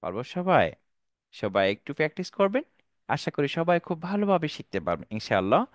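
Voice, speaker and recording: A male Quran teacher giving an online alphabet lesson, drawing out each letter slowly and asking viewers to repeat after him. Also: a little high, big pitch swings, no echo, studio quality. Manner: slow, drawn-out letter recitation for viewers to repeat; patient, repetitive teaching.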